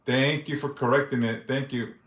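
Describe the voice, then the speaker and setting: A man's voice: medium pitch, fairly even intonation, normal speed, fairly bright tone, reverberant. A man in his forties hosting a casual live stream, reading viewer questions aloud and answering them briefly, with loose, profane talk. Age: 40s. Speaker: livestream host answering yes-or-no questions.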